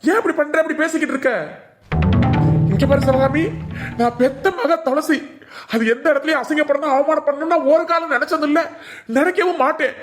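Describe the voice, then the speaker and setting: A woman voicing a middle-aged village husband in a cartoon, speaking with a Ramanathapuram Tamil accent and scolding calmly as he reasons with his wife. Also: high voice, fairly quick, long pauses, music in the background, lightly acted. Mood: reasoning.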